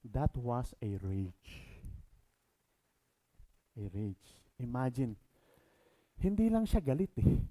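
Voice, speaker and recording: A middle-aged man with a Filipino accent preaching a sermon, moving between quiet asides and loud, emphatic reading. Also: medium pitch, very animated, slow pace, long pauses.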